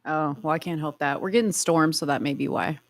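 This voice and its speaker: A woman's voice: sits low, brisk, gravelly. A woman co-host chatting casually over a phone call whose audio keeps glitching and breaking up. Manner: animated and chatty. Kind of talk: casual chat. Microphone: phone call into the show.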